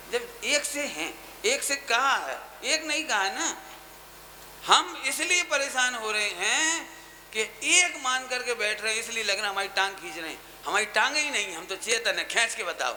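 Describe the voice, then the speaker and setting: A man delivers a Jain sermon with a very bright, piercing tone. He is animated and fires off rhetorical questions, then drops into quieter asides. A faint hiss sits under the recording. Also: high voice, rough recording. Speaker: Jain preacher. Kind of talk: religious discourse at a camp. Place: gathering hall with audience.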